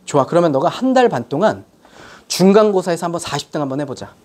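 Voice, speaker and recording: A woman acting out a blunt high school teacher, speaking lower and firmly. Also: expressive, fast talker, darkish tone. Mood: stern.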